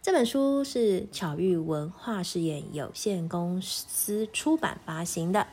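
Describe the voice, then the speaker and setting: Slow-reading woman storyteller. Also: fairly low pitch, expressive, darkish tone, slight background noise. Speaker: teacher and storyteller. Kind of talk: reading a children's story aloud.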